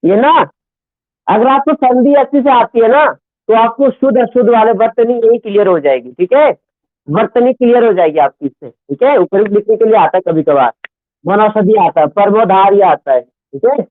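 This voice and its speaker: High-voiced man dictating, tinny phone sound. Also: dry recording. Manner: repeats each word slowly, often checks "okay?". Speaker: Hindi grammar teacher. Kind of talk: dictation lesson.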